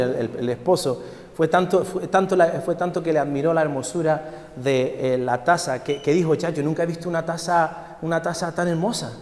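A male pastor, preaching a sermon and telling a story. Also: medium pitch. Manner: storytelling, animated. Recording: echoey hall.

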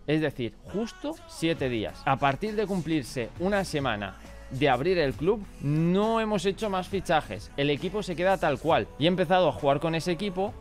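A young man from chatting about video games to his viewers, excitable and given to swearing, indignant rants. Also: a little high. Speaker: gaming YouTuber. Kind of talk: casual gaming commentary to camera.

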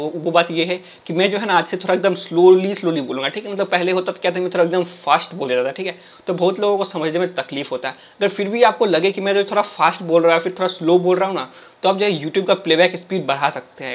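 Fast-talking high-voiced young man teaching code. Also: dull audio. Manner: chatty, keeps tagging lines with "theek hai?". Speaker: coding tutorial host. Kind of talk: screen-recorded coding tutorial.

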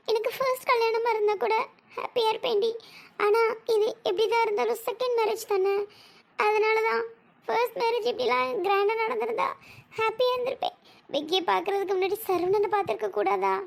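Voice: high voice, bright, forceful tone. A performer playing a tearful young bride in an amateur family drama skit, hesitant, apologetic and fearful.

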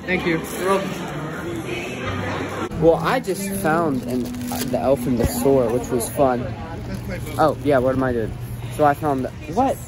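A young man talks loudly and jokes around while filming a family outing. His voice sits at an ordinary pitch. Steady background noise and passing traffic run under the handheld recording. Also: a little slow, pauses often, a loud crowd. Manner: loud, joking, laughing. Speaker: vlogger. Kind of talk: casual vlog banter.

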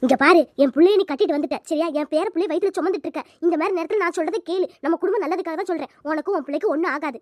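A woman's voice: very high voice, racing, few pauses, dry recording, clean studio sound. A woman voicing a bossy, stubborn village mother-in-law who scolds and commands in a cartoon.

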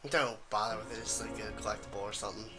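A man's voice: on the low side, steady tone, very fast. A man coaching a friend through a video game with casual, teasing, swearing commentary. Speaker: co-host giving tips. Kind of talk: casual let's play chat. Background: game music.

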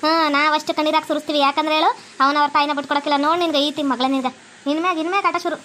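A woman's voice: high-pitched, steady tone, racing, bright, forceful tone. A woman voicing a scheming, spiteful old mother-in-law with a North Karnataka Kannada accent, gloating and repeating her words. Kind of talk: cartoon comedy voice acting.

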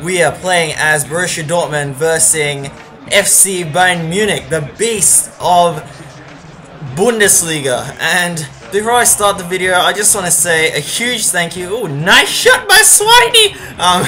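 A man's voice: on the high side, unhurried, sharp tone, faint music behind. A man commentating a football video game in a casual, rambling voice-over with many fillers. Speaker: gaming channel host.

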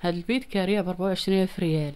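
A woman's voice: lowish voice, steady tone, very fast, darkish tone, slight background noise. A woman in her thirties with a Moroccan accent, making a plaintive, insistent personal plea into a handheld microphone in an interview at home. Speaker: interviewee appealing for help. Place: small room at home. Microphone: handheld reporter's microphone close to the mouth.

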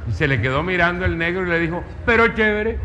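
A speaker and writer with a Caribbean-coast Colombian accent tells a story during a public talk, speaking very fast in a fairly high voice. He is emphatic and rhetorical, stacking lists and questions. The recording carries a dull, reverberant hall sound and faint noise.

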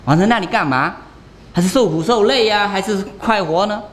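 A man's voice: sits high, brisk, a bit bright, a little hiss or hum. A man, a Buddhist monk, giving a conversational dharma lecture, talking in a chatty way and often tossing rhetorical questions to his listeners.

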